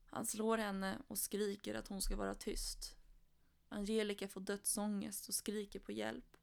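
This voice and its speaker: Woman narrator for a true crime story, even delivery, some vocal fry. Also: medium pitch.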